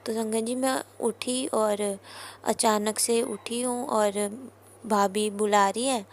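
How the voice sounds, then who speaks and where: A woman's voice: on the high side, steady tone, slow, a little hiss or hum. A young woman earnestly recounting a personal testimony to a congregation, often turning to address her listeners directly. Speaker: devotee sharing a testimony.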